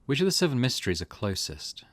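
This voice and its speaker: Talking fast and sounding very animated, a man at medium pitch hosts a let's play for his gaming channel. He chats casually, thinks out loud, and reads game text aloud over game music, in a dry recording.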